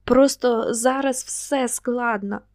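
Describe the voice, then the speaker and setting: Woman reading as a tired young guy, short answers, flat delivery. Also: fairly high pitch, slow pace. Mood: weary. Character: weary troubled young man, lover.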